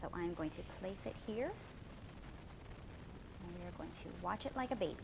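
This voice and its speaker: Over a noisy background, this woman hosting a fishing and cooking vlog chats with viewers at normal speed in a low-leaning, creaky, expressive voice. As she guides them through the fish and food, she lets out playful, casual exclamations.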